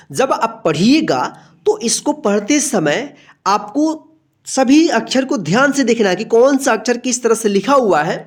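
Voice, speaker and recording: A woman with a fairly high voice and a very lively, rising and falling delivery is teaching a beginner alphabet lesson. She is patient and repetitive, draws out each letter sound carefully, and keeps checking that her listeners are following.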